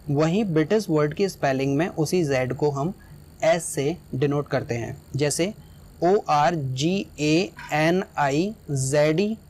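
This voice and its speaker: Man explaining a lesson, fairly high voice. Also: a little mellow, slight background noise. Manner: explanatory, often checks in with "right?". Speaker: teacher.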